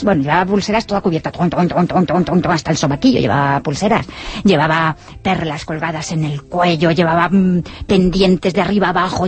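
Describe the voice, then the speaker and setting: Playful woman storyteller. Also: fairly low pitch. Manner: playful, lively, dramatic pauses. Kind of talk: oral storytelling on radio.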